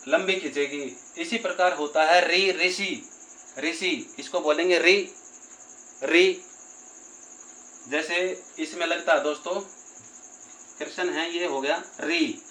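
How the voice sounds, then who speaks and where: A man's voice: fairly high pitch, steady tone, unhurried, a bit bright, poor audio. A man teaching a grammar lesson, patiently repeating and drawing out vowel sounds while addressing his listeners as friends.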